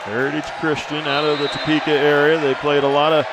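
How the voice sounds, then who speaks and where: A man's voice: a little high, level tone, brisk, heavy background noise. A man giving live volleyball commentary as a play-by-play announcer. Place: indoor sports arena, courtside. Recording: loud gym crowd and music behind. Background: crowd, music, bouncing balls.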